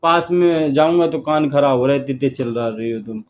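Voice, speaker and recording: A man vlogger playing a husband in comic couple banter, teasing his wife in a mock-wistful way and pleading for her to talk more quietly. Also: mid-range voice, fairly quick, slight background noise.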